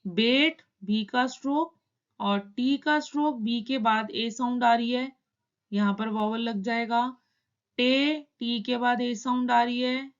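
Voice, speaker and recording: A woman teaching shorthand in a calm, step-by-step tutorial, explaining each stroke and vowel in turn. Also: on the high side, slow pace, highs cut off.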